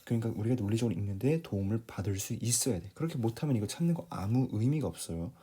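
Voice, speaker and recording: A man's voice: fairly low pitch, expressive, quick pace, dark tone, slightly rough. A man teaching English reading in a casual lecture, talking plainly to his students, often rephrasing and checking in with them.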